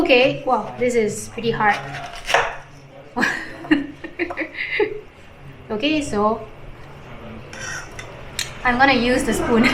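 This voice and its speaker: A woman with a fairly high voice narrates a casual travel vlog outdoors, with background noise audible. As a travel vlogger, she's chatty and explanatory, using lots of fillers like "so" and "like."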